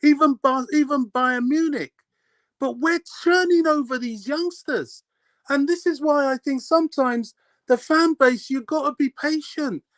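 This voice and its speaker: A man's voice: very high-pitched, measured pace, fairly bright tone, no room sound. Passionate man ranting about football. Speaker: co-host. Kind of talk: casual fan chat.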